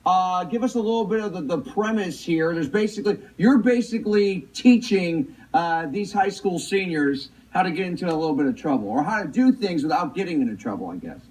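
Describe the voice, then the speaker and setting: A male presenter with a fairly high, mellow voice conducts a live interview. He sounds a little away from the mic, with faint noise. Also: expressive, brisk, few pauses. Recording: slightly distant, faint noise.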